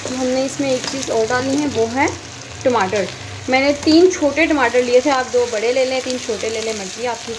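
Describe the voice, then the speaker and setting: In a home kitchen, a woman addresses viewers directly, explaining each cooking step in a chatty manner while holding her phone. Her voice sits high at normal speed. A loud frying sizzle and stirring sounds keep the background noisy.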